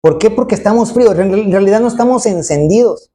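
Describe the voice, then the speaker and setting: Quick-paced and dark in tone, a medium-pitched voice preaches an emphatic sermon to a congregation. He repeatedly tacks on rhetorical questions and voices the people he quotes.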